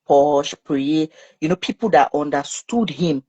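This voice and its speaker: Woman, low husky voice, a little muffled, animated storyteller as an interview guest. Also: unhurried. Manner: animated, acts out her son's screams in a high voice.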